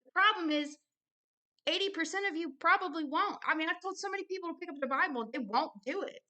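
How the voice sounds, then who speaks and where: Very high-pitched, pushed and bright, a fast-talking woman hosts informal religious commentary as a host and religious teacher. She reads aloud and adds personal asides, earnest and insistent, often repeating phrases for emphasis.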